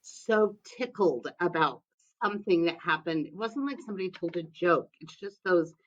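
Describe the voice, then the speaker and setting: A woman's voice: on the low side, animated, moderate pace, lo-fi sound. A woman who is an instructional specialist, talking as a guest in a podcast interview, chatty and emphatic, telling stories.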